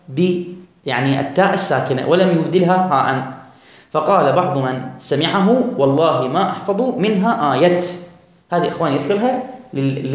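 A man teaching a grammar lesson, reading the text slowly and stretched, then explaining it quickly and asking the class questions. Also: fairly high pitch. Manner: asks the class questions and urges them to follow. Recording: very echoey room.

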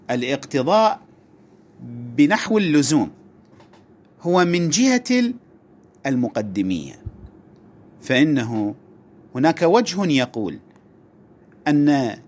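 Lively man giving a lesson. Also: a little high. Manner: methodical, restates and repeats points to explain them. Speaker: religious studies teacher. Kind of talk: lecture.

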